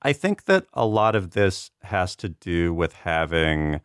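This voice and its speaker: Over a remote video chat, an American man who writes for TV chats casually as a podcast panelist, earnest and rambling, with lots of "like." His low voice swings widely in pitch at a measured pace, and the tone is clear and resonant, with clean, echo-free studio sound.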